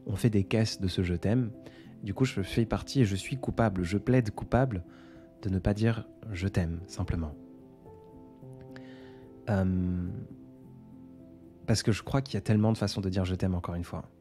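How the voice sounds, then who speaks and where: A man talking casually and reflectively on a live stream, unhurried and often pausing with hesitations. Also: fairly low pitch, warm tone. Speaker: poet and author on a live stream. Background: faint background music.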